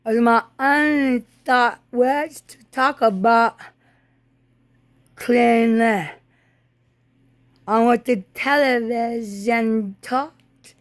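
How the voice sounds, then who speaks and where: A woman giving a rambling spoken monologue in disjointed, halting, drifting phrases. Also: fairly high pitch, fairly even intonation, no room sound, studio quality.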